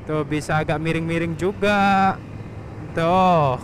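A man's voice: a little high, steady tone, slow. A young man on a motorcycle, chatting casually to the camera as he rides, laughing often and talking about himself in the third person. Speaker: motovlogger. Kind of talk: casual riding commentary. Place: on a motorcycle on an open road outdoors. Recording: faint wind and traffic noise.

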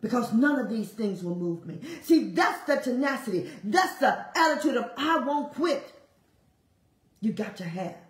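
A woman preaching a sermon, urging listeners with fervent, repetitive exhortation and sudden leaps in pitch. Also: animated, a little slow, roomy sound, low-quality recording.

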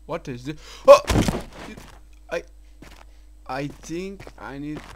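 A man commentating a horror game, mumbling asides to himself and breaking into startled, swearing shouts. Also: fairly high pitch, takes it slowly, background noise. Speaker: let's play gamer. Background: loud game music.

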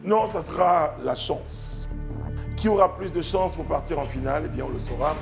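A man's voice: fairly high pitch, moderate pace, vocal fry. A man hosting a TV game show in a studio, playful and joking, quizzing contestants on foreign words. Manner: playful, joking, mock German accent. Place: TV studio set. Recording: music playing behind. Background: music.

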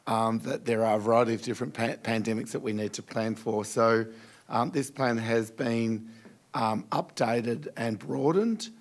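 An Australian man council officer with a croaky voice, briefing a meeting in a loose way full of ums. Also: mid-range voice, normal speed. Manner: informal, filler-heavy explanation. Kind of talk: formal briefing.

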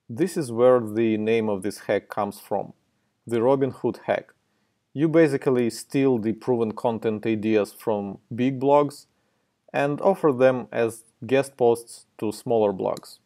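A man with a Russian accent hosts a marketing tutorial video, walking through the steps in a friendly, plain way. His voice is medium in pitch and mellow.

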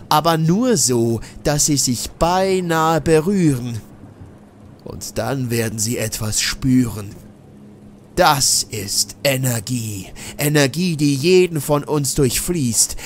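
Brief: man playing a scheming old male madman for a horror audiobook, slow, sneering, menacing delivery, drawn-out words. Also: medium pitch, slight background noise, voice pushed up. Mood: mocking. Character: eerie old man, a scheming vengeful mad scientist.

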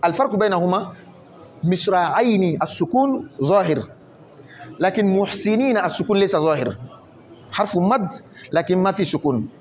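High-voiced man teaching grammar. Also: expressive, normal speed, long pauses, a little mellow. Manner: explains patiently with many examples and checks understanding. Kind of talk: classroom grammar lesson.

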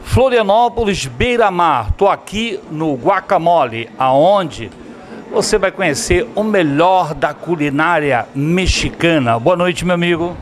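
A middle-aged TV host, handheld mic in hand, does a cheerful on-location interview in a restaurant dining room, pitching enthusiastically to viewers. His voice is a little high and expressive, a touch slow, and there's slight background noise.

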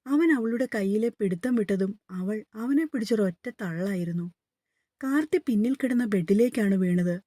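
A woman's voice: a little high, mellow, dry recording. Woman reading a romance novel aloud. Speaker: audiobook narrator. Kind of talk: scripted novel narration.

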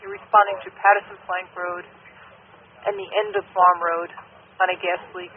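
A man's voice: high-pitched, flat delivery, normal speed. A man making fire dispatch announcements over a radio. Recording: tinny radio channel, faint noise.

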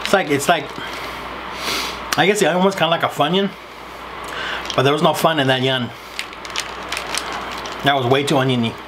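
A man's voice: a little high, normal speed, long pauses, background noise. A man reviewing snacks in a casual, blunt, sarcastic way while chewing. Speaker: snack tasting vlogger.

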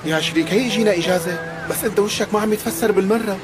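A man's voice: high voice, rapid-fire, background noise, close to an everyday voice. An actor playing an easygoing, earnest young man in love, in a TV drama dub with a Syrian Arabic accent. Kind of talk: dubbed TV drama dialogue. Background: music.

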